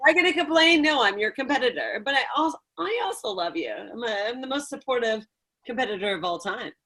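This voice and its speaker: A woman's voice: a little high, expressive, quick pace, sharp tone. A chatty woman competing in a contest, joking casually and a little dramatically.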